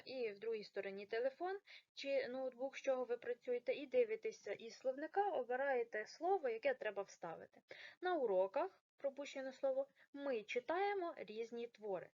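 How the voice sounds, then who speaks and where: A woman teaching a recorded primary school lesson for children, slowing down to stress each word carefully. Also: a little high, a little mellow, lo-fi sound. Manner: slow, exaggerated stress on words.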